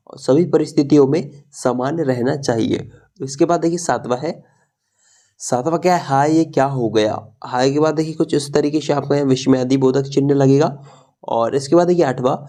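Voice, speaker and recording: A man with a mellow, dark-toned voice walks schoolchildren through workbook answers. He speaks directly to them and repeats phrases as he explains. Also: medium pitch. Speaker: teacher. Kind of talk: explaining homework solutions.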